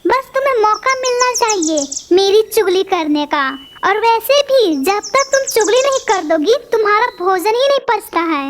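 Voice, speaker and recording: Woman as a shrill, touchy cartoon parrot, very high and squeaky, quick to quarrel. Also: lively intonation, slight background noise. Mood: angry. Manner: shrill, snapping and vengeful. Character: quarrelsome hot-tempered female parrot. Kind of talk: cartoon voice acting.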